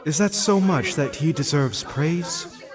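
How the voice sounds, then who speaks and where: The Ghost of Christmas Past, speaks in a measured, probing tone as it guides an old miser in a live radio play. Long reverb trails his lines through a hall full of murmuring listeners. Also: on the high side, animated, crowd noise. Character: solemn ghost guiding an old man.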